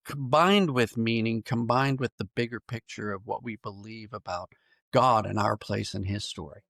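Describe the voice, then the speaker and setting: A writer and audio drama producer from Pennsylvania joins a podcast for a reflective interview, explaining ideas thoughtfully and at times repeating phrases as he figures out a point. His voice sits on the low side, creaky and a bit bright, at normal speed, with no echo in the recording.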